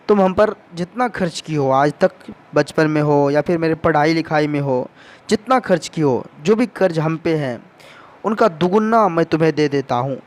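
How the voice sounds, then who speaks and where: A man's voice: a little high, close to an everyday voice. A man voicing a grown son who speaks to his mother in a devotional story. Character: grown son, pleading then remorseful.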